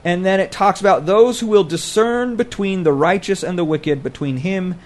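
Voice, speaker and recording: A man's voice: high-pitched, moderate pace. A man co-hosting a podcast, explaining scripture in a casual, scholarly way and thinking aloud as he goes. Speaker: podcast co-host discussing scripture.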